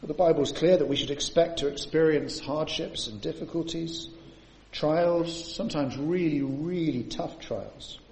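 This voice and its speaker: Male preacher, slightly high, mellow tone, sermon style, echoey church sound. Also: normal speed. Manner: asks rhetorical tag questions.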